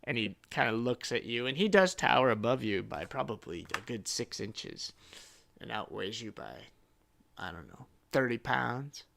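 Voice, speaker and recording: A man narrating as game master of a tabletop game, halting and full of fillers. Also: mid-range voice, lively intonation, vocal fry, a bit bright, slight background noise. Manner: halting, many fillers and restarts.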